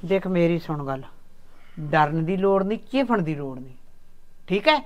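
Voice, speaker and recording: A woman's voice: a little high, expressive, quick pace, lo-fi sound, background noise, natural voice. A woman playing an elderly village mother in a comedy drama, speaking with a Malwai Punjabi accent, insistent and defensive. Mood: coaxing. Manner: insistent, exclaiming, coaxing with her sons.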